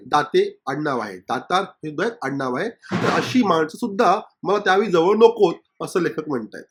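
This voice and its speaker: A man's voice: high voice, a bit bright. A male teacher explaining a Marathi textbook lesson, reading passages aloud and acting out the dialogue lines.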